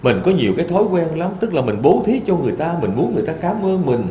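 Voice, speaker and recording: A man, a Buddhist monk, giving a dharma talk in a temple hall with lively storytelling. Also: fairly high pitch, fast talker, lo-fi sound, a little hiss or hum. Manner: lively storytelling, quoting voices in asides.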